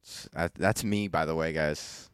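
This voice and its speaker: A man's voice: extremely low pitch, fairly even intonation, a little slow, smooth, no echo, studio quality. A man co-hosting a casual podcast chat, laughing often and filling his talk with "like". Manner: laughs often, lots of "like" fillers. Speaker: podcast co-host.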